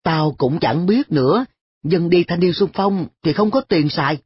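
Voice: medium pitch, measured pace, husky, no room sound, muffled recording, pitched above the performer's own voice. A reader voicing a carefree, cheeky schoolboy who talks in an offhand, shrugging way in a story reading. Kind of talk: audiobook dialogue.

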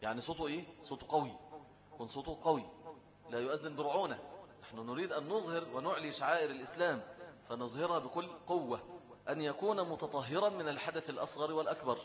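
A fast-talking man with an Egyptian accent gives a lesson on Islamic law, with a voice pitched a little higher than most men's. He keeps asking the class questions and then answers them himself, and his voice rings out in a long hall echo. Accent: Egyptian Arabic. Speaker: religious teacher.

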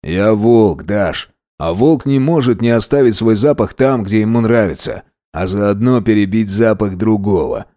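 A man reading an audiobook voices a smug, cocky young man who is a wolf shapeshifter, drawling softly. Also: lowish voice, measured pace, hardly any pauses, no room sound, clean studio sound, close to an everyday voice.

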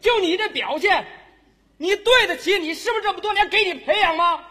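High, animated man onstage. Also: fairly quick. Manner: mock-scolding, teasing, lively. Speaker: crosstalk comedian. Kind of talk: stage crosstalk comedy. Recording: echoey hall.

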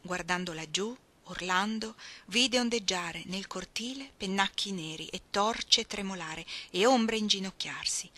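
A woman reading a novel aloud, slow and expressive, sometimes dropping to a soft whisper. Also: medium pitch. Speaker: audiobook reader. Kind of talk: literary reading.

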